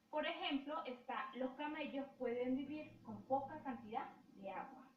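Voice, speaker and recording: A woman's voice: high voice, slight background noise. A young woman giving a class presentation, reading out definitions with hesitant fillers. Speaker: student presenter. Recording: dull roomy sound from far off.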